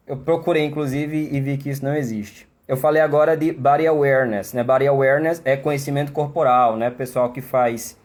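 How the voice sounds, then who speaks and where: A man's voice: mid-range voice, darkish tone. A man teaching English in a live online class, speaking Portuguese with a Brazilian accent, chatty and explanatory, often checking in with his listeners. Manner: chatty, explanatory, many tag questions.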